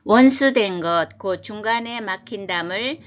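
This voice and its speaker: A woman teaches scripture phrases at an unhurried pace. She breaks each one down word by word and repeats it for learners. The recording sounds slightly dull and lo-fi. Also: mid-range voice. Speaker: language teacher. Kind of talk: scripture language lesson explained word by word.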